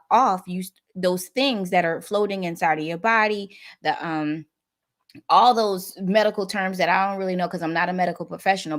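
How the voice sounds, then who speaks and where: A woman's voice: lowish voice, fairly bright tone. A woman in her thirties, a guest on a talk show, speaking earnestly and with animation, addressing the audience directly. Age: 30s. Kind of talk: casual talk on wellness.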